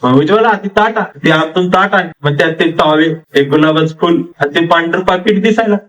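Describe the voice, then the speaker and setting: A man's voice: on the high side, brisk, fairly bright tone, recorded from a distance, poor audio. A man giving a storytelling speech to an audience, acting out the dialogue of the people in his anecdote. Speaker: public speaker.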